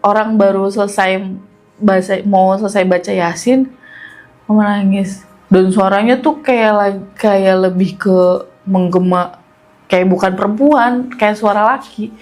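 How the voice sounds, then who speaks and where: Mellow-voiced woman telling a ghost story. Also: mid-range voice, steady tone, a little slow, soft background music, poor audio. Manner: chatty, addresses host, restarts. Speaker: guest storyteller. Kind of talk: casual horror storytelling.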